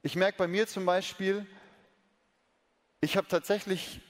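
A man's voice: high voice, steady tone, unhurried. A man preaching a sermon earnestly, talking straight to his listeners and asking them questions. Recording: long reverb of a large hall.

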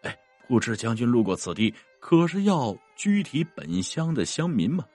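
A man's voice: medium pitch, big pitch swings, moderate pace, darkish tone, slightly rough, faint music behind. A man voicing a frightened old squire and painter who stammers and trembles as he speaks. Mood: pleading.

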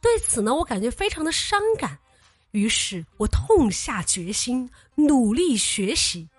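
A woman's voice: fairly high pitch, unhurried, husky, dry recording. A young woman hosting a comedy podcast, telling jokes and anecdotes in a teasing, playful way and acting out the people in them. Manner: teasing, animated, acts out quoted voices. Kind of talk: playful comic storytelling.

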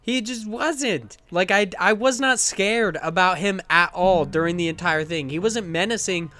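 A man's voice: sits high, unhurried, pushed and bright. A man co-hosting a podcast, recapping a movie in a sarcastic, profane, rambling way. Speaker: podcast co-host reviewing a movie. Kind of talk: casual chat.

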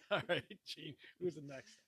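Wisecracking man with a slightly high voice. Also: a bit bright, husky, no room sound, studio quality. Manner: wisecracking, teasing the others. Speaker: podcast co-host. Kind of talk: casual chat.

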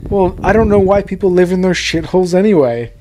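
A man's voice: high voice, brisk, background noise. A young man co-hosting a podcast in casual chat, teasing and argumentative, with frequent swearing. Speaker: podcast co-host.

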